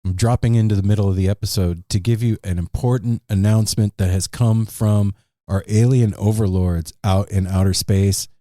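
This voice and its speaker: A man voicing a male alien overlord who delivers an announcement in loud, drawn-out pronouncements. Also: lowish voice, fairly even intonation, no echo, studio quality, natural voice. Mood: commanding.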